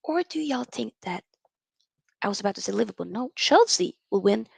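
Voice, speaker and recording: A young woman from Norway chats animatedly on a football livestream, reading out viewer comments as she goes. Her voice sits a little high and has a gravelly fry. The sound is dry and close. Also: expressive, normal speed, no echo. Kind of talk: casual live-stream chat with viewers.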